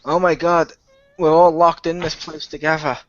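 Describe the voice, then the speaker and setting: Chatting casually as one of an audio drama's cast members, a man teases his castmates and laughs often. His voice is fairly high with little pitch movement and a normal pace, recorded in dull, dry lo-fi sound.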